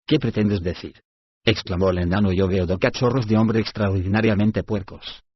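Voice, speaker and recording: Cranky deaf old dwarf lord, gruff and low, keeps asking "eh?", done by a male narrator, husky, dull lo-fi. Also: fairly even intonation, moderate pace, no echo. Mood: irritable. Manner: gruff, mishears everything, asks "eh?".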